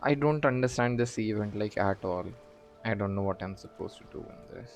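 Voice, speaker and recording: A game streamer with a lowish voice chats casually at normal speed on his livestream while faint game music plays. He thinks aloud, sounding hesitant and puzzled.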